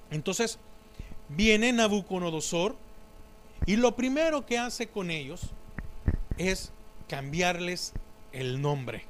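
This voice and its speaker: A man preaching a sermon in church, halting, with frequent fillers and restarts. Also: high voice, slight background noise, rough recording. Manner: slow, halting delivery with many fillers and restarts.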